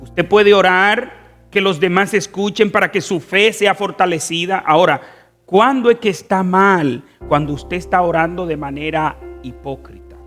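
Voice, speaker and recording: A man with a Dominican accent preaching a fervent sermon as pastor, swinging between soft, drawn-out phrases and loud emphatic ones. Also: sits high, soft background music. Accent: Dominican Spanish. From Dominican Republic. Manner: fervent preaching with wide swings in loudness and stretched words.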